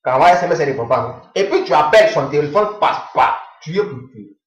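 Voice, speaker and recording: A man telling a comic monologue in an animated way, slipping into low muttered voices as he acts out phone calls. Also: quick pace, roomy sound, low-quality recording.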